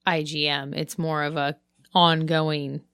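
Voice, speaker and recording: Very low, gravelly-voiced woman. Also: little pitch movement, slow, fairly bright tone, no echo, studio quality. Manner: questioning, hesitant, with many "like" and "I don't know". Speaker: podcast co-host. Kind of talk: casual podcast chat.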